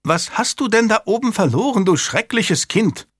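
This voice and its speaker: A man's voice: very animated, unhurried, no room sound, clean studio sound. A man voicing a young widowed governess in an audiobook, anxious, stern and scolding. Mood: alarmed. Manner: scolding and shrill.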